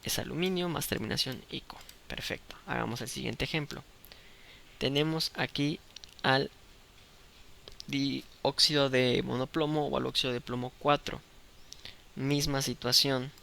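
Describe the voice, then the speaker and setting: A man teaches an online chemistry lesson, speaking close to the mic. His voice is gravelly and bright, with a crisp edge. He explains patiently and keeps checking that the students are following. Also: mid-range voice, steady tone, a little slow, long pauses, a little hiss or hum. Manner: patient, checks understanding with "¿de acuerdo?".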